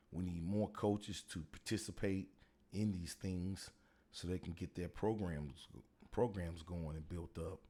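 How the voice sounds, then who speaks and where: A deep-voiced man who coaches middle school football hosts a casual solo podcast. He talks in a relaxed, rambling way, dropping plenty of fillers.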